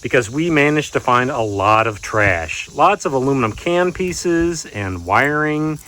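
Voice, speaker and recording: A man in his thirties with a medium-pitched voice talks like an excited treasure hunter showing finds to his viewers. His delivery is casual and full of marveling exclamations. He is recorded outdoors, with faint insect and vehicle noise behind him. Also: measured pace. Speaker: metal detecting treasure hunter, vlogger. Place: outdoors in grassy and wooded areas.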